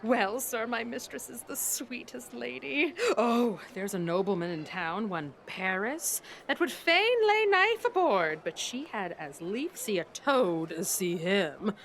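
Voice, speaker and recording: A woman playing Shakespeare's Nurse, high and wildly animated. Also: a little slow, hardly any pauses, slight background noise, full character voice. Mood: gossipy, coy. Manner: garrulous, exclamatory, blustering. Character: talkative, easily offended, bawdy woman servant, the Nurse. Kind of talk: classical Shakespearean stage acting.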